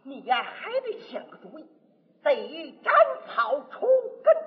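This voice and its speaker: A man playing a quick-tempered, scheming older woman in a traditional Chinese stage comedy, shrill and scolding. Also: huge pitch swings, dull audio, exaggerated voice. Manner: shrill, scolding, spitting insults.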